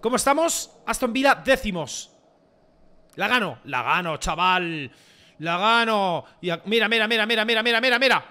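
A man giving excitable gameplay commentary, repeating phrases and bursting into shouts. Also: high-pitched, normal speed. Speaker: gaming YouTuber.

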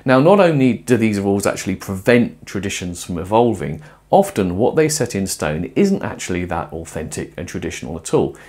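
A middle-aged man presenting a cooking and philosophy film in his home kitchen, explaining ideas in a thoughtful, lively way. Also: on the low side, fairly quick, breathy edge. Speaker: host.

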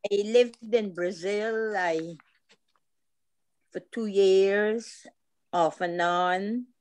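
On a casual video call interview, an elderly Guyanese woman with a Guyanese accent answers as a guest, slowly and briefly, laughing as she goes. Her medium-pitched voice is a little mellow with a clean tone, though the dry recording has poor audio.

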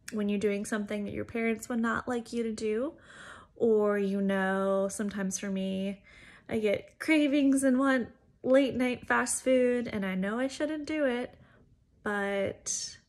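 A woman who works as an educator, giving an informal church devotional in a chatty, conversational way with frequent fillers. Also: mid-range voice.

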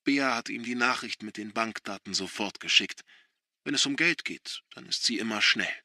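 A man narrating a German thriller audiobook in a steady, dramatic storytelling manner. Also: lowish voice, moderate pace, dry recording, studio quality.

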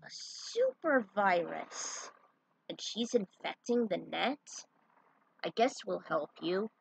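A woman voicing a cool male fox pilot and squad leader, measured and decisive. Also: mid-range voice, animated, vocal fry, slightly rough, dry recording, full character voice, poor audio.

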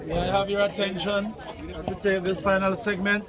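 A man with a Jamaican accent officiates as minister at a graveside service in a measured, solemn, declamatory way, recorded outdoors. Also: high-pitched, little pitch movement. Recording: open-air recording with crowd noise. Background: crowd and outdoor sounds.

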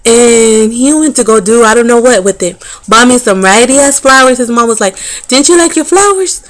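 A woman in her thirties telling a story to camera in a casual vlog, animated and profane, with sassy, dismissive asides and frequent laughter. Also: fairly high pitch, fairly quick. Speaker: vlogger.

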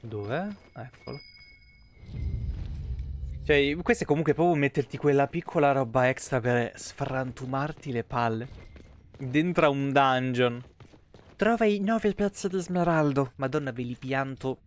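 A gaming streamer with an Italian accent casually and sarcastically narrates the game he's playing, swearing freely and talking back at the characters. His voice is medium-pitched and measured in pace, with a little hiss or hum on the recording.

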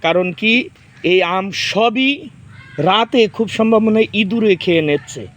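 A high-pitched, somewhat bright male voice, a little slow, with faint hiss or hum. He's a farming vlogger from Bangladesh in his thirties, chatting casually in a garden while showing off fruit and directing his children.

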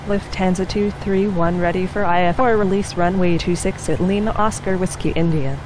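A woman's voice: lowish voice, normal speed. A woman playing airline pilot in a flight simulator, reading checklists and radio calls in clipped cockpit headset style over a headset mic. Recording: steady background hum.

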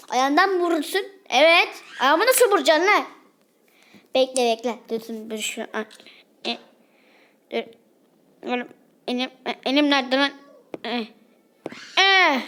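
A woman's voice: sits high, fairly bright tone. A woman improvising a game role-play video with rowdy, slangy banter. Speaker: video creator voicing game characters.

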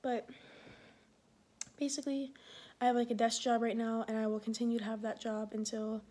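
Young woman, twenties, slightly high, warm flat delivery, rambling vlog chat, short of breath. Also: normal speed. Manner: rambling, many fillers like "like" and "um". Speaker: Air Force security forces member.

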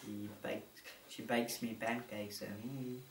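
A man's voice: lowish voice, level tone, takes it slowly. A teenage young man co-hosting a challenge video in casual chat to camera. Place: indoor room with bare walls. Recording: roomy, distant mic, faint noise.

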